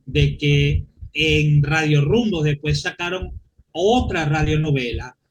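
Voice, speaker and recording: Speaking slowly in a slightly high voice over poor audio, a Venezuelan-accented guest comics historian from Maracay, Venezuela, chats informally in an interview. He goes into detail and frequently hunts for the right words.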